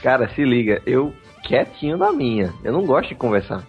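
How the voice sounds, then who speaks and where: A man's voice: medium pitch, sing-song, brisk, dull audio, faint music behind. A man co-hosting a podcast, telling a comic story in a dry, self-mocking way. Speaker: podcast co-host.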